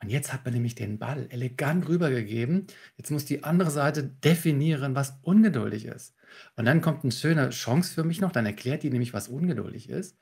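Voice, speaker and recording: A man with a gravelly, slightly husky voice talks in a podcast interview as a communication trainer. He explains calmly and instructively, walking through techniques step by step. His pitch sits in the middle range. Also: a little fast. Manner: calm, instructive, walks through techniques with examples.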